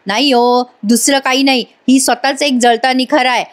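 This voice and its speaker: High-pitched lady doing a serial recap voice-over, talks straight to viewers, tuts at the show. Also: steady tone, moderate pace. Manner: chatty, addresses viewers directly; mildly scolding asides. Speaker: TV serial reviewer.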